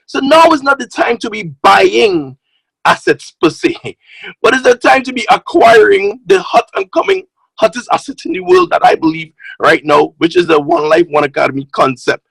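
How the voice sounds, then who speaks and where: A man giving an excited, exhorting motivational talk as a guest speaker on a conference call. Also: high-pitched, normal speed, vocal fry, slightly rough, no room sound, poor audio.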